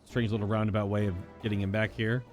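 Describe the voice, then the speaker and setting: A man's voice: fairly low pitch, flat delivery, fast, soft background music. A man giving casual commentary as he plays through a game. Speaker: game streamer.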